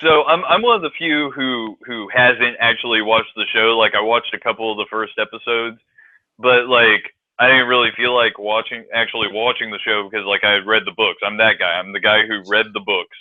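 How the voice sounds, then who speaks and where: Chill podcast dude, swears a lot, hesitant, sounds like a phone line. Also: male voice, lowish voice, fairly even intonation, fairly quick, dry recording. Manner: laid-back, swears casually, hesitant with ums. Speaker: podcast co-host. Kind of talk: casual chat. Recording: tinny phone-like line, dry.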